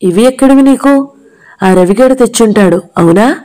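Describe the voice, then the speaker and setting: A woman's voice: fairly high pitch, animated, normal speed, warm tone, close to an everyday voice. A woman voicing a strict, worried father who scolds his children in a raised voice. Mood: stern.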